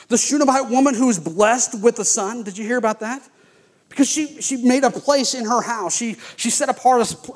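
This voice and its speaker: A man preaching a sermon, telling Bible stories in a folksy, animated way with playful asides. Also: sits high. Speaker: pastor.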